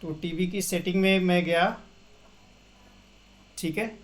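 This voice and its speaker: A man's voice: high-pitched, fairly even intonation, slow. A young man hosting a casual step-by-step tech tutorial, walking viewers through settings and dropping English terms into his explanations. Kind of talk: casual screen-share tutorial.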